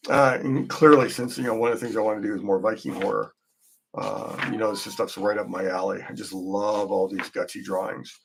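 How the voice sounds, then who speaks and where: Gravelly, low-voiced man chatting on stream. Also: fairly even intonation, slight background noise, low-quality recording. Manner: rambling, halting, thinking aloud. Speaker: host of a live drawing stream. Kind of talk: casual livestream chat while drawing.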